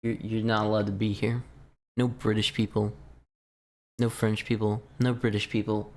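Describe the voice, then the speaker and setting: A man's voice: fairly low pitch, little pitch movement, normal speed. Streamer guy, crude and rambling, swears freely, jokes constantly, breaks into yelps of mock outrage. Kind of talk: casual livestream reaction commentary.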